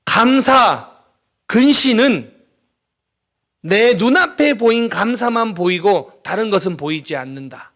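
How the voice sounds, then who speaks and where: A middle-aged man preaching a sermon as pastor, telling stories with dramatic pauses and emphasis. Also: sits high, expressive, fairly bright tone.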